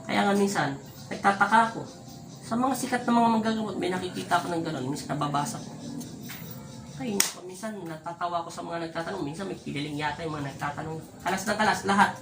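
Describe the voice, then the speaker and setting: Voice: mid-range voice, fairly even intonation, quick pace, over music. A folk faith healer talking to viewers about healing and sternly commanding spirits during a session, in a scolding, preacher-like manner. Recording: echoey room, voice far from mic, faint ambient noise.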